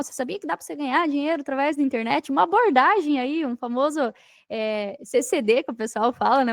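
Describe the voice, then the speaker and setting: A woman with a high voice and a Brazilian Portuguese accent appears as a podcast guest, a digital marketing entrepreneur narrating her experience emphatically. Repeated phrases and rhetorical questions mark her conversational interview storytelling. It's recorded at studio quality with no echo.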